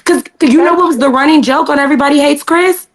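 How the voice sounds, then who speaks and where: High voiced woman in a casual debate, outspoken, really stressing her point. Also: quick pace. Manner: outspoken, emphatic.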